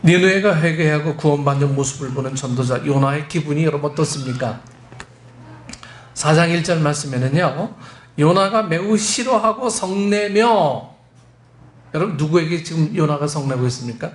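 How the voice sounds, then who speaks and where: Male pastor, sermon, emphatic, rhetorical questions, fairly high voice, roomy echo. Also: normal speed. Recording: roomy church sound.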